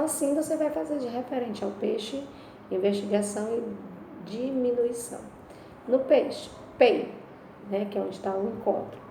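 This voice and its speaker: A woman's voice: a little high, creaky, mellow. A woman teacher with a Brazilian accent giving a remote Portuguese lesson, explaining step by step and asking and answering her own questions. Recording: echoey room with faint noise.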